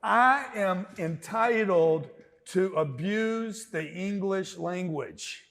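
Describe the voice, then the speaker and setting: A high-pitched Southern man from Louisiana, in his fifties, works a seminar crowd as a business mentor. His delivery is loud, emphatic and rambling, with jokes thrown in. A long reverb trails his words through a large hall. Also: animated, takes it slowly. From Louisiana, USA. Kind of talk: live seminar talk.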